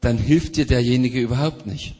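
A man's voice: medium pitch, moderate pace, mellow, husky, dull audio. Man interpreting a sermon, echoey hall. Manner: follows the preacher's energy, hesitant fillers.

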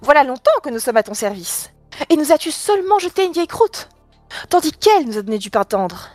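A woman's voice: sits high, big pitch swings, brisk, a little mellow, no echo, faint music behind, pitched above the performer's own voice. A woman voicing two starved, grumbling dogs in a fairy tale.

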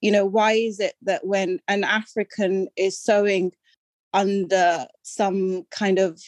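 A woman's voice: mid-range voice, flat delivery, takes it slowly, no echo. Reflective older woman guest from Sudan. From Sudan, raised in London. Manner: reflective, storytelling, self-deprecating. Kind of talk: podcast interview.

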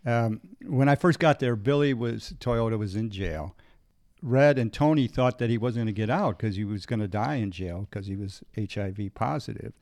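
A man co-hosting a podcast, telling old stories in a relaxed way, often checking in with "right?". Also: fairly low pitch, moderate pace, no room sound, studio quality. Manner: relaxed storyteller, frequent "right" and "uh". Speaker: podcast co-host. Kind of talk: casual reminiscing conversation.

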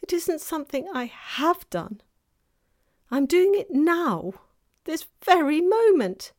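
A woman voicing a gentle, guilt-ridden male fawn in an anguished, self-reproaching, melodramatic way for a children's storybook. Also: high-pitched, big pitch swings, takes it slowly, pitched above the performer's own voice, full character voice. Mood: distressed. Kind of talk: dramatized children's storybook reading.

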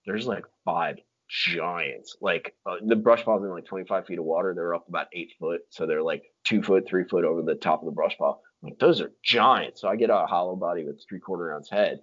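A man's voice: sits low, fast, few pauses, husky. A man telling stories in casual chat, with slangy talk full of dude, like and freaking. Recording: dull lo-fi sound.

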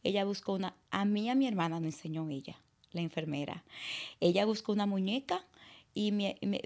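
A woman's voice: mid-range voice, brisk. A young woman telling her story as a guest in an interview, acting out the people she quotes. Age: young adult. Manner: lively, acts out dialogue in quoted voices. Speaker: guest, mother.

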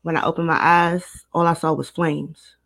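A woman's voice: sits low, level tone, normal speed, fairly bright tone. Young woman telling her story steadily. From Maryland, United States. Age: 20s. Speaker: guest. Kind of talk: recounting a personal story in a casual interview.

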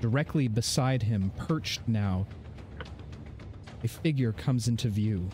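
A man narrating a tabletop fantasy game as game master, measured and descriptive with dramatic pauses. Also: mid-range voice, darkish tone. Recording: background music under the voice.

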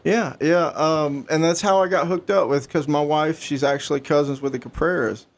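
A man's voice: on the high side, normal speed. A man from South Carolina with a Southern accent, talking in an easygoing, drawling way as a guest in a casual radio studio interview. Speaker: guest, car dealership spokesperson.

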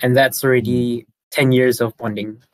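A man's voice: mid-range voice, little pitch movement, normal speed. A young man of about nineteen, chatting as a podcast co-host and explaining things earnestly, step by step. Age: teens. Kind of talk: casual chat.

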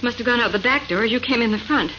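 A woman's voice: on the high side, rapid-fire, sharp tone. An actress playing a plucky, chatty detective's assistant in an old American radio drama, with eager, girlish exclamations. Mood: plucky, rattled. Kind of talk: mid-century American radio drama acting. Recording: muffled, noisy vintage radio recording.

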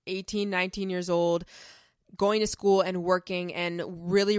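A woman's voice: fairly low pitch, clear, resonant tone, no room sound, clean studio sound. A young woman in her twenties hosting a podcast, talking earnestly and from the heart in casual advice, with many "like"s. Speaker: podcast host.

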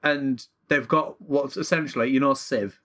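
A man's voice: medium pitch, moderate pace, a bit bright. A young man from Northern England co-hosting a podcast, chatting casually and joking with lots of laughter. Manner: jokey, laughs a lot. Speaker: podcast co-host. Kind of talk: casual chat.

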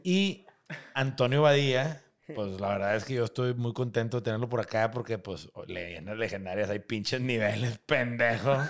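A man's voice: lowish voice, steady tone, a little fast, few pauses. A man with a northern Mexican accent hosting a casual podcast chat in slangy, profane talk. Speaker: podcast host.

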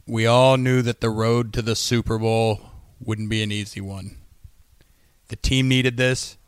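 A man's voice: mid-range voice, flat delivery, unhurried, smooth, dry recording, clean studio sound. A man co-hosting a casual sports fan podcast, telling stories in a bantering, salty way. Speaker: podcast co-host.

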